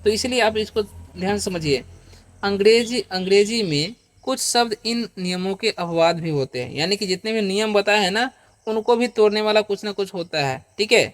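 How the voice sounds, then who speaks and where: A man with a fairly high voice teaching English pronunciation to beginners. He talks patiently and repetitively, often posing a question and answering it himself. He stretches the example sounds out slowly and keeps checking in with his listeners. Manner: checks in with listeners with frequent "okay?" and "isn't it?". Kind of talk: Hindi-language pronunciation lesson.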